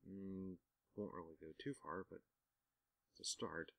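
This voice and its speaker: A man's voice: deep voice, steady tone, a little slow, creaky, fairly bright tone, dry recording. A man giving casual let's-play commentary on a game, with wry, self-mocking asides. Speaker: gaming commentator.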